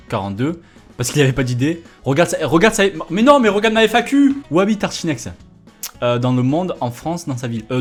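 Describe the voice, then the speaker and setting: A man giving casual, joking commentary as he plays through a quiz game on his channel, chatting with self-mocking asides into a headset. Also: a little high. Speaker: gaming YouTuber. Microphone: gaming headset.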